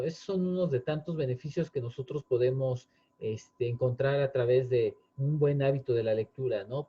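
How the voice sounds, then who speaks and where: A man, earnestly explaining in casual chat, often restarting with fillers. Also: fairly high pitch. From Mexico. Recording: dull lo-fi sound.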